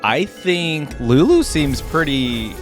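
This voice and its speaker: A reaction video host gives easygoing gaming commentary over music, thinking aloud informally. His voice is on the high side, expressive, and slow.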